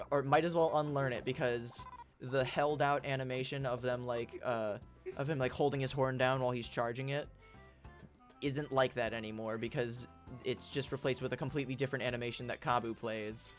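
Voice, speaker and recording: A man streaming a game, explaining mechanics in casual, rambling commentary with many fillers. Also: medium pitch.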